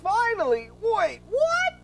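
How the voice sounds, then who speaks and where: Woman doing a super high dopey little hero guy, swoopy, earnest, cartoony audio comedy. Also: wildly swooping pitch, slow, a bit bright, heavily acted. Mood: urgent. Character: naive, scatterbrained, good-hearted male cartoonish hero. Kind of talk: comedy audio drama acting.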